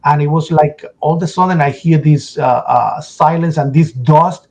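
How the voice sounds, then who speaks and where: A man giving emotional first-person testimony in an interview, telling his story urgently and acting out shouts and the words people said. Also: on the high side, steady tone, normal speed, rough recording. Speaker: interview guest.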